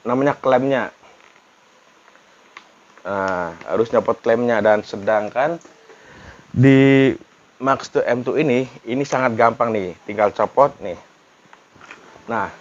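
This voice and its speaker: In a muffled recording, a medium-pitched man gives an informal, chatty review of motorcycle helmet intercoms, vlogger-style, often saying things twice.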